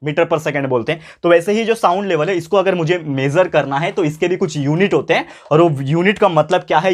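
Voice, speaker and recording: Guy tutor doing an online science lesson, kinda high voice, a bit loud so it's clear. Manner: addresses viewers as friends, repeats key points; speaks a bit louder than normal for clarity.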